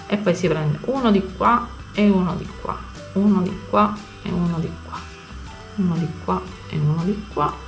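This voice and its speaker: A woman giving a step-by-step cooking tutorial, instructional and narrating each movement as she goes. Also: medium pitch. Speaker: home cooking show host. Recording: roomy echo, music underneath.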